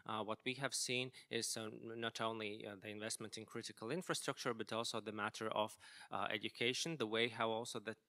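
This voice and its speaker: Hesitant man with a bright voice. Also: fairly low pitch, little pitch movement, brisk. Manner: hesitant, many filler sounds. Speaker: panelist. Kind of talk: panel discussion remarks.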